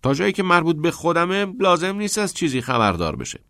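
Man playing a headstrong teenage schoolboy, raised voice, excited quick bursts, storybook reading, dry close sound. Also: a little high, no room sound, pitched above the performer's own voice. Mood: defiant. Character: eager, headstrong teenage schoolboy dreaming of acting.

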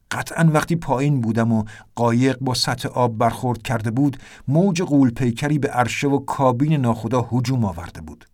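A man narrating an audiobook adventure in a tense, vivid storytelling manner. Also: medium pitch.

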